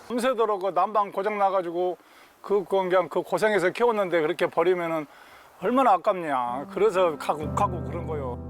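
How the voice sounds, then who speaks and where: An older man, a stepfather talking bluntly and gruffly with his daughter in a documentary. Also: high voice, a little hiss or hum. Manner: gruff, blunt, teasing banter. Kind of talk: casual family talk.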